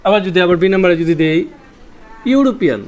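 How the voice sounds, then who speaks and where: A man's voice: high voice, lively intonation, quick pace. A man teaching English grammar at a whiteboard, repeating key points and quizzing his students with rhetorical questions.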